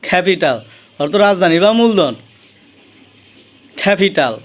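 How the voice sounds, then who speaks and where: A man with a Bangladeshi accent teaching English vocabulary, saying each word slowly and repeating it with its meaning. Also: high voice, animated.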